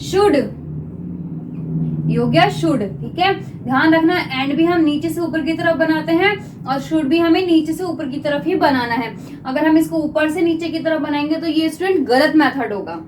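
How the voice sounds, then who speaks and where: A woman's voice: sits high, normal speed, background noise. A woman with an Indian accent teaching shorthand to students, often checking if they understand and reading out sentences for dictation. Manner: coaching tone, repeats "clear?" and "students" often. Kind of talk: classroom lesson with slow dictation.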